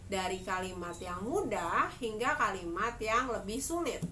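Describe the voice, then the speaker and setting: Bright-voiced woman enunciating carefully, noisy room. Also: mid-range voice, lively intonation, a little slow, recorded from a distance. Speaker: mother teaching her children to read. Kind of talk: instructional talk to parents. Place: small room at home, indoors. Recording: clear background noise, room ambience.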